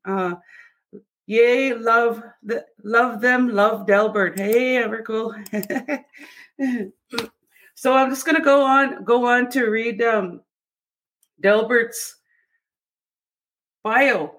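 A woman with a Cree accent hosting a casual livestream interview, speaking haltingly and often repeating words. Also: on the high side, a bit bright. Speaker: show host.

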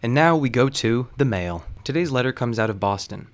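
A man hosting a show, reading scripted narration in a dry, deliberate and wry way. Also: medium pitch, expressive, muffled recording, a little hiss or hum. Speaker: host.

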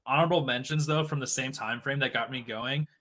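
A young man in his late twenties chats casually as a podcast co-host. His voice is bright and forceful, and he rambles along with plenty of fillers. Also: medium pitch, steady tone, a little fast. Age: 20s. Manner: chatty, rambling, many fillers. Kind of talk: casual chat.

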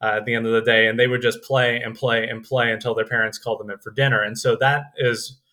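A young man with an American accent chatting casually as a podcast guest, often pausing on uh. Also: medium pitch, level tone, bright, forceful tone. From United States. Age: young adult. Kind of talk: casual chat.

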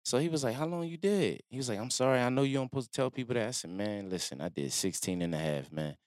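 A man telling a long personal story in a relaxed, slangy way, acting out what people said. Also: mid-range voice, fast talker, no echo, clean studio sound. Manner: laid-back slangy storytelling, acts out quotes. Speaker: guest telling his story. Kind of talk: casual storytelling.

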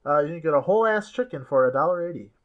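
Podcast host rattling off history, swears a lot, jokey and quick. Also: medium pitch, animated, muffled recording. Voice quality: fast, swears freely, jumps into silly voices. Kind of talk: casual comedic chat.

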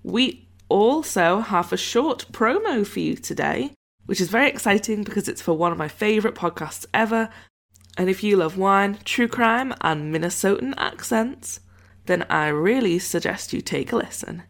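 A woman co-hosting a podcast, unhurried as she reads out thanks and introduces the episode. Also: mid-range voice, expressive. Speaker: podcast co-host. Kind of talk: casual chat.

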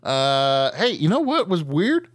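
His pitch is fairly high and his pace slow, captured as clean studio sound without room noise. He's a middle-aged American co-hosting a casual podcast, spinning blunt, profane, animated stories with lots of mimicked quotes.

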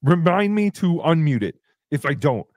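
A high, lively male voice with a sarcastic, rambling way of talking. He is a livestream host in his fifties, recorded dry and close with no room sound at all. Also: moderate pace, no room sound. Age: 50s. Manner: sarcastic, rambling, reads out donations. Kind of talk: casual livestream chat.

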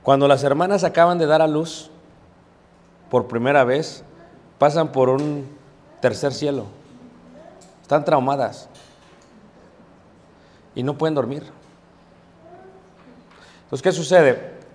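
Guy preaching a casual bible class, lots of "eh"s, slightly high voice, long echo like a big church hall. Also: slow, long pauses, a little mellow. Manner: informal, repeats himself, many "eh" fillers and "¿ok?" checks. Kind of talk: conversational Bible class sermon. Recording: long reverb of a large room.

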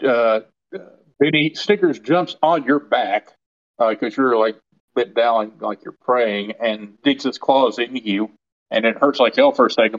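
A man's voice: medium pitch, lo-fi sound. A man narrating as game master, rambling with frequent ums and restarts.

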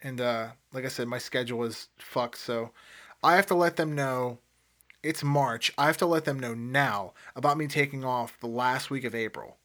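A man chats casually on his solo podcast. His voice sits at a middle pitch. He rambles, swears freely and restarts his sentences often. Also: normal speed, bright, forceful tone. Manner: rambling, profane, with frequent fillers and restarts. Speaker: podcast host.

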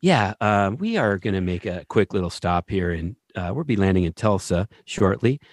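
A man voicing a calm male airline pilot making a cabin announcement. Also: sits low, no room sound, voice pushed down. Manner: soothing, unhurried pilot announcement.

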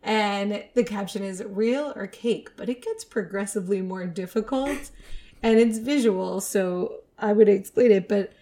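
A woman co-hosting a podcast in casual chat, upbeat and quick to laugh. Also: medium pitch, warm tone. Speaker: podcast co-host.

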